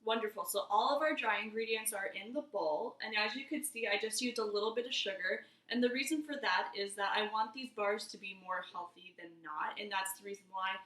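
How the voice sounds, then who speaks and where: Bright-voiced young woman in echoey kitchen. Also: medium pitch, brisk, few pauses. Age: 20s. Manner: chatty, easygoing, talks viewers through each step. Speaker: cooking vlogger. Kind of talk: casual cooking demonstration. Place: home kitchen. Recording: roomy kitchen echo.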